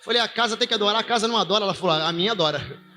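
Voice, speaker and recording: A man's voice: sits high, very fast, sharp tone. A married man preaching a sermon, telling a story to his congregation in a conversational way and calling listeners brother and pastor. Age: adult, married father.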